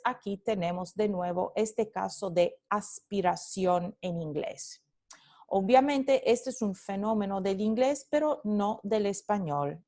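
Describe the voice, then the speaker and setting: A woman's voice: medium pitch, dark tone. A woman teacher giving a recorded phonetics lecture, explaining step by step and repeating example sounds and words, with short asides in English.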